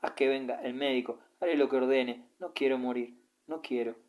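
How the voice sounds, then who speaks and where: Picture a dying young man, stammering and short of breath, begging not to die in an even, mid-pitched voice, as a male narrator reads him. It is a storybook reading. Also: normal speed, natural voice. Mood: desperate pleading.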